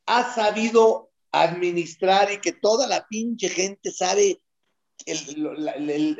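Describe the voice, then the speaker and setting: Slow-talking profane male panelist. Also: sits high, darkish tone, dull audio. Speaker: football panelist. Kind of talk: casual crude panel banter.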